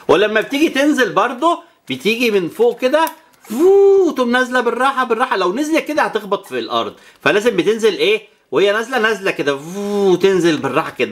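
A woman with an Egyptian Arabic accent plays with toys next to a child and talks to viewers. She counts aloud and makes whooshing sound effects. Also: medium pitch. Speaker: toy channel presenter. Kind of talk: playing with toys alongside a child and talking to viewers.

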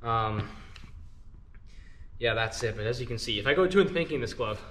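A man's voice: medium pitch, lively intonation, moderate pace, a bit bright, slight background noise. A young man, out of breath, chatting casually to viewers while showing them how to do something. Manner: chatty, instructive, addresses viewers as guys. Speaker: glove channel host. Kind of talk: casual vlog talk to camera.

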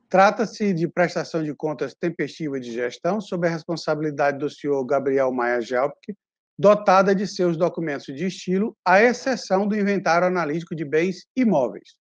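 Higher-voiced man reading a legal opinion. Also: lo-fi sound. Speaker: public prosecutor. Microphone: video call.

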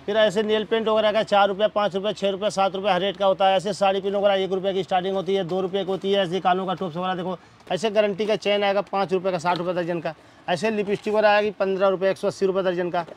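Shop guy listing prices nonstop, quick and high-pitched, small cramped store. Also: a little hiss or hum. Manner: reels off prices in a steady patter. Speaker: wholesale shopkeeper. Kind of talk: rapid sales price listing. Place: small crowded cosmetics shop, indoors.

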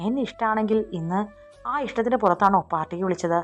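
A woman's voice: medium pitch, fast talker, lo-fi sound, faint music behind, lightly acted. Woman doing a spirited young office girl. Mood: hurt, defiant. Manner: pleading, defiant.

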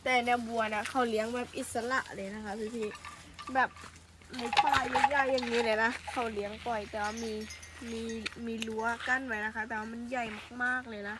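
A woman's voice: on the high side, fairly even intonation, moderate pace. Chatty young woman vlogging outdoors. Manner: chatty, polite, keeps addressing viewers. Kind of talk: casual vlog tour. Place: outdoors at a cattle pen in the forest. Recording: loud outdoor noise with cattle nearby.

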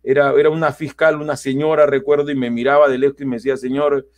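A man, telling a personal story in casual chat, animated and acting out quotes with many restarts. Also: mid-range voice, fast. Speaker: guest.

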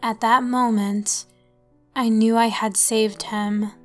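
Slow, soft-spoken female horror narrator. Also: fairly high pitch, faint music behind. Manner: soft, calm and unhurried delivery. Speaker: first-person narrator.

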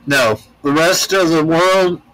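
In a poor-quality recording with a bit of hiss or hum, an older American interviewee slowly tells travel stories. His voice is a little high and somewhat bright, and his relaxed, plainspoken telling wanders with frequent restarts.

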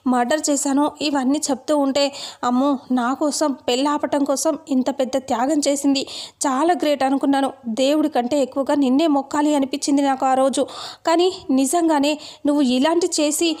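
A woman's voice: high voice, steady tone, a little fast, natural voice. A woman reading a bitter, accusing young husband. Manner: accusing, shouting. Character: angry young husband who feels betrayed.

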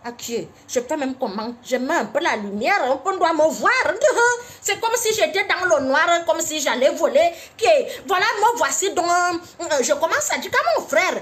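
High-voiced woman, teasing comic host. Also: lively intonation, measured pace, a bit bright. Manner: theatrical, mock-solemn, teasing. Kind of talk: comic monologue on a live stream.

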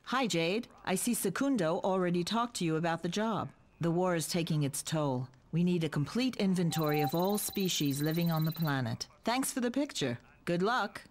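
An actress voicing a measured, businesslike woman scientist in a video game. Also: fairly low pitch, animated, slight background noise, lightly acted. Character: calm woman scientist cataloguing species.

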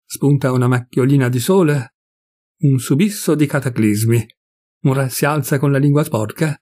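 A man's voice: mid-range voice, normal speed, a little mellow, lightly acted. A man voicing a fat, jovial man in his fifties who gossips and confides, pleased with himself, in a storybook reading. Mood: chatty.

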